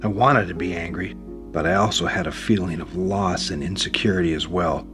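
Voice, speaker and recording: A man narrating a novel in the first person, in a plain, steady storytelling manner. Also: deep voice, a little fast, over music. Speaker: audiobook narrator.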